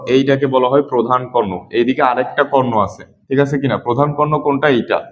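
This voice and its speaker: A male tutor explains a math topic to his class, often checking whether they follow and answering his own questions. His voice sits at an ordinary pitch. The recording is muffled and lo-fi, with a faint background hiss. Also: fairly even intonation, a little fast. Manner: repeats and quizzes students with rhetorical questions. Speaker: math teacher. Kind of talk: classroom lecture. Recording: dull lo-fi recording with faint noise.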